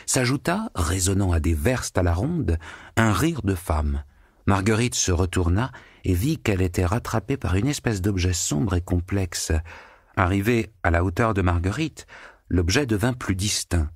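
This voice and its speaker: A man narrating an audiobook in a low voice, steady and measured. The recording is dry and close, with no room sound. He keeps an even storytelling tone. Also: slightly rough, no echo. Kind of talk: scripted narration.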